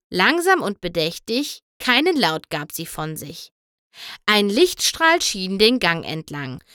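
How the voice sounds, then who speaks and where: A woman reads a storybook aloud at an unhurried pace. Her intonation rises and falls with lively expression, and the recording is dry and close. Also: mid-range voice, smooth, no room sound. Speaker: narrator. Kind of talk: audiobook storybook reading.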